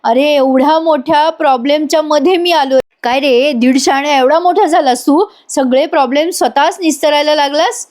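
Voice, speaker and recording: A woman reading the lines of a remorseful father apologizing to his son, emotional and gruffly tender. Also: high voice, normal speed, hardly any pauses, darkish tone, pitched above the performer's own voice, natural voice.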